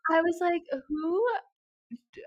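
Twenties woman, co-host, higher pitch; animated casual storyteller, laughs a lot. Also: normal speed, highs cut off. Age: 20s. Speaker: podcast co-host. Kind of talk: casual chat.

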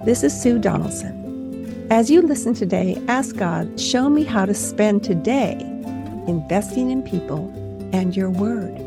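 A woman's voice: medium pitch, lively intonation, a little slow, gravelly. A woman in her seventies hosts a faith podcast and speaks in an encouraging, devotional way. She laughs along with her guest between questions. Faint music plays in the background. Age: 70s. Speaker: podcast host.

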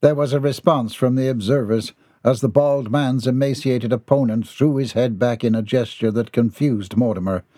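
A man narrating an audiobook in a measured, formal storytelling manner. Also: mid-range voice, warm tone, no room sound, clean studio sound.

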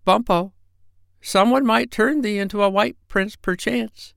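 Man voicing a squeaky clever parrot, whispery, storybook, dry close recording. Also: a little slow, gravelly, smooth, no room sound, full character voice. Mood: grand fairy voice. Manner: hushed, urgent whispering. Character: bossy female parrot, clever and scheming.

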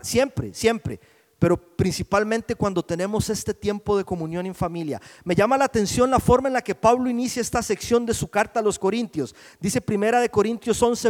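A man preaching a sermon, rising to loud emphatic lines and dropping to hushed prayerful words, often asking his listeners "right?". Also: high voice, big-room sound. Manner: preaching with swells of volume and hushed prayerful drops; checks in with the audience with frequent "¿sí?". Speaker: pastor.

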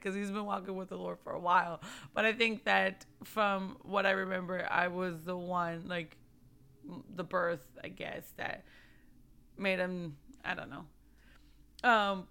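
With a clean-toned, medium-pitched voice, a young woman gives an informal preaching talk, fervently exhorting other mothers and asking rhetorical questions over and over. Her manner alternates between soft, reflective testimony and loud urging.

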